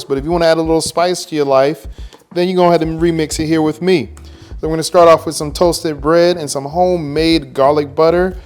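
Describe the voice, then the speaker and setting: A man hosts a relaxed cooking tutorial and walks the viewer through each step. His voice sits a little high, and he drops playful, jokey remarks along the way. Faint music plays quietly behind him. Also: clean tone. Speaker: cooking video host.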